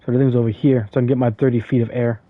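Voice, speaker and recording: A man's voice: mid-range voice, little pitch movement, rapid-fire, dry recording. Man rambling over gameplay, tinny dry sound. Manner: rambling, many fillers and stammered restarts. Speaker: gaming streamer. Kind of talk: casual gameplay commentary. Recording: dry tinny phone-like audio.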